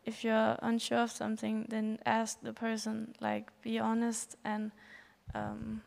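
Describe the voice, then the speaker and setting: A woman's voice: on the high side, monotone, a little slow, creaky, darkish tone, long reverb tail. A woman on a panel, giving short, shy answers.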